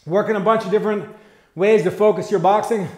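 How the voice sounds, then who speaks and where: A man's voice: high-pitched, fairly even intonation, a little fast. A middle-aged man coaching a guided boxing workout with short cues and casual encouragement while exerting himself. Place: small bare concrete-block garage gym. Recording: roomy echo, some background noise.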